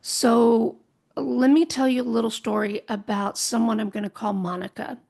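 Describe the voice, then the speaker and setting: A woman in her sixties hosting a podcast, speaking in an earnest, soft-spoken scripted monologue. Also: a little high, steady tone, moderate pace, gravelly. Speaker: podcast host.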